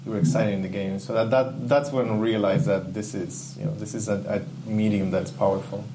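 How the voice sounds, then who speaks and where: A little fast and fairly low in pitch, an Ecuadorian man talks as an interview guest in a casual chat. He's a game UI/UX artist, enthusiastic and reflective, often reaching for words, against a steady background hum.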